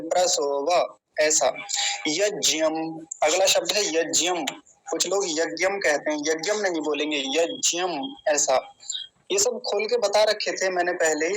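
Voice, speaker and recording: A man teaching a recorded lesson on mantras, patient and explanatory, pronouncing each word slowly and deliberately. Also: on the high side, poor audio. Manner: slow, deliberate syllable-by-syllable pronunciation drills.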